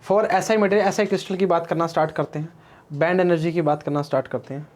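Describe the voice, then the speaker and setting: A man's voice: a little high, fairly even intonation, quick pace, darkish tone, a little hiss or hum. A man teaching physics in a casual classroom lecture, chatty and teasing as he talks straight to his students and wanders off into playful rhymes.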